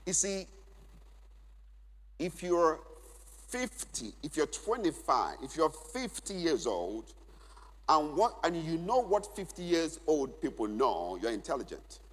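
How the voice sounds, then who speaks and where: A man's voice: on the high side, sing-song, slow pace, a bit bright. A middle-aged man giving an emphatic teaching at a church men's conference, repeating key phrases so listeners can take notes. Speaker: conference speaker. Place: large church hall. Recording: long hall reverb.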